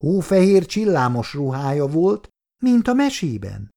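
A man voicing an eager, chatty little girl in an audiobook reading, with a high childlike voice. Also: wildly swooping pitch, creaky, dark tone, heavily acted.

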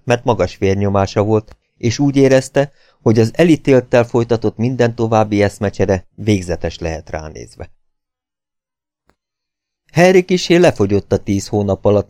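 A man narrating an audiobook in a measured, even reading. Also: fairly low pitch, no echo, clean studio sound.

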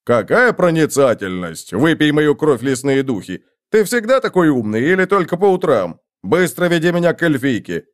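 A man's voice: medium pitch, animated, normal speed, lightly acted. A man voicing a rude, cocky tiny male fairy messenger who snaps out insults. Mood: scornful. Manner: snappy, insulting.

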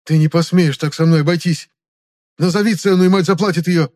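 A man voicing an arrogant young male noble held captive, shrill, blustering and pleading in a high voice. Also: steady tone, brisk, a little mellow, close to an everyday voice. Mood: threatening.

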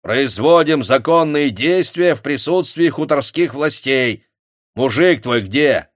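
A man's voice: fairly low pitch, lively intonation, measured pace, a bit bright, no room sound, studio quality. A man reading an audiobook voices a stern secret-police officer who barks officious orders. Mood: stern commanding.

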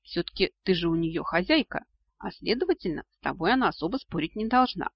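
Doting vampire elder, male, calm explainer, man narrating, breathy tone, dull dry audio. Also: high voice, brisk, no room sound, full character voice. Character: old male vampire ancestor, cheerful and doting.

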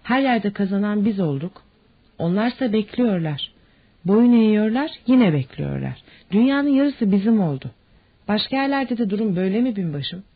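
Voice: mid-range voice, expressive, normal speed, husky, pitched above the performer's own voice. A reader voicing a nervous, homesick young male army lieutenant who talks in a strained, emotional way. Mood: anxious. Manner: strained and emotional, rising to angry shouts. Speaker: fictional character. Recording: dull lo-fi audiobook recording.

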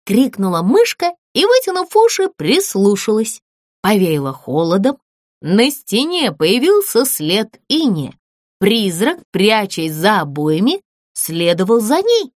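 A woman narrating a children's audiobook, expressive and animated. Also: medium pitch, unhurried, no room sound, studio quality.

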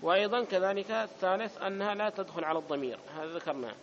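A man racing through an Arabic grammar class speaks high and a bit bright, repeating each point and asking often if students are with him. Slight background noise accompanies the dull audio.

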